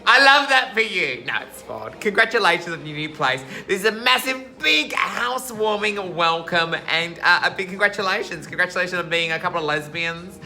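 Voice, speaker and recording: An Australian drag queen, a man by the sound of it, sends a flamboyant personal video message full of jokes. His voice is bright and sharp, and his camp delivery swings between teasing and gushing. Faint music plays behind him. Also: high-pitched, brisk, few pauses.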